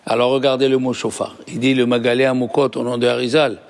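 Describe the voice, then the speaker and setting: A man's voice: mid-range voice, level tone, fast, vocal fry. A man, a rabbi, teaching a Torah class, asking the class questions and explaining patiently. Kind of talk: lively Torah lesson.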